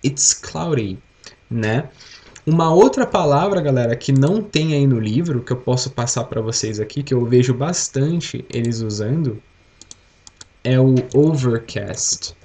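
A man's voice: medium pitch, measured pace, warm tone. A young Brazilian man with a Brazilian Portuguese accent, teaching an English lesson on a live stream and having the class repeat words after him. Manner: explains patiently, drills words and asks the class to repeat.

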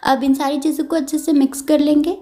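A woman, host of a cooking channel, narrating a recipe step by step in a calm, instructive voice-over, repeating and clarifying each step. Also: high-pitched, fast talker.

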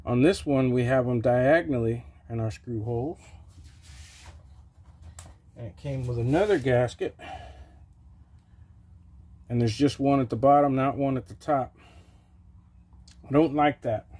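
A man's voice: medium pitch, unhurried, pauses often, warm tone. A middle-aged man casually talking through a repair step by step at his workshop bench, in a plain and practical way with frequent "okay"s. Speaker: small-engine repair host. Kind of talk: casual how-to narration while working. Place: home workshop bench, open to the outdoors.

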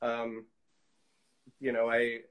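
A man in his forties, a collage artist, is interviewed by video call from a small room with pictures pinned to the walls. His medium-pitched, slightly bright voice is monotone and extremely slow, and he chats casually with frequent "you know" asides.

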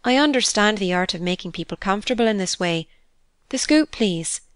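A composed young governess speaks softly and briskly, as a woman reads her, with modest courtesy. The voice is smooth and resonant. It is recorded in a dry, close setting. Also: mid-range voice, lively intonation, no room sound, natural voice. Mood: demure.

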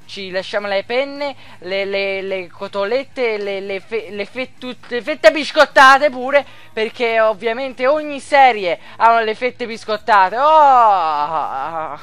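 A man chats his way through a game in a loose, joking ramble, tossing in rhymes and bursting into sudden excited yells. His voice is clean and smooth, with pitch that swings widely. Soft guitar music plays faintly underneath. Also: no echo. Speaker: gaming video host. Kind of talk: casual gameplay commentary.

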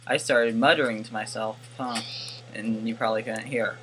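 A man's voice: mid-range voice, fairly even intonation, moderate pace, fairly bright tone. A man giving casual gameplay commentary, rambling and correcting himself with wry asides, recorded on a desk mic with faint hiss. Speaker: gaming YouTuber.

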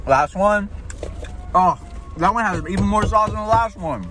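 A man's voice: high-pitched, animated, moderate pace. A man in his twenties chatting casually for an eating-challenge vlog, exclaiming between bites with his mouth burning from spicy food. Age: 20s. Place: inside a parked car. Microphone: phone at arm's length. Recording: car cabin noise, handheld phone.

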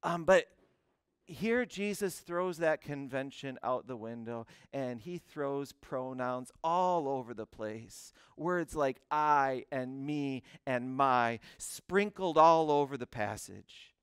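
A male pastor preaching a sermon, animated, often restarting words and phrases before driving a point home. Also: medium pitch, takes it slowly, clean tone, no echo. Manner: animated preaching with frequent repeated starts.

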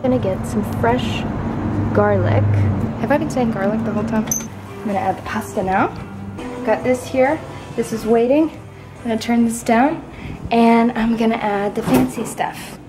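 A woman in her twenties goofs through a silly mock cooking show in her small kitchen, filming on a handheld camera held at arm's length. Her voice is a little high and moderately paced, playful and self-mocking. The low-quality recording has loud sixties French pop playing behind her.

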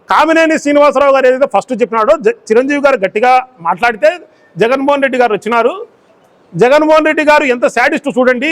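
A man, a local party in-charge, giving a political press statement full of repeated rhetorical questions. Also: very high voice.

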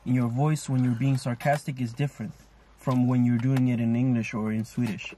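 A man's voice: mid-range voice, level tone, a little fast, warm tone, a little hiss or hum. A man co-hosting a food vlog, musing at length in a loose, thoughtful way with lots of fillers. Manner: thoughtful, rambling, many fillers. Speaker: co-host. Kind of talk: casual chat while eating.

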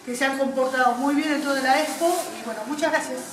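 A woman's voice: sits high, fairly even intonation, fast. A woman teacher speaking informally to students in short, listing phrases. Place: large hall with a crowd, indoors. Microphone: far camera. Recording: echoey hall, far camera, crowd noise.

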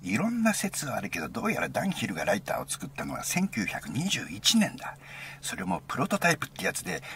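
A man voicing an excited young male student who gushes in a loud, rapid rush, with an Osaka accent. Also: high voice, vocal fry, a little hiss or hum, voice pushed up, exaggerated voice.

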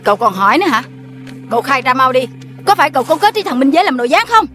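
An actress playing a sharp-tongued older woman who hurls accusations. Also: sits high, big pitch swings, racing, soft background music. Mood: accusing.

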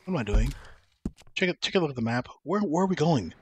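A man's voice: a little high, big pitch swings, quick pace, a little mellow, a little hiss or hum. A Texan man chatting loosely and joking while streaming a game, reading viewers' chat aloud. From Texas.

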